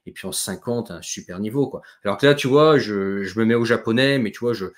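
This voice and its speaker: A man's voice: fairly low pitch, fast talker. Chatty man hosting a video call. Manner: animated, chatty, frequent fillers. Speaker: host. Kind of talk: casual chat.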